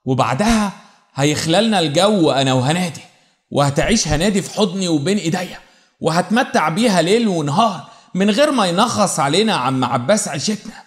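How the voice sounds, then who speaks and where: A man with an Egyptian accent narrating a dark first-person story, with an intense, brooding delivery and repeated phrases. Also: high voice, lively intonation, quick pace. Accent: Egyptian Arabic.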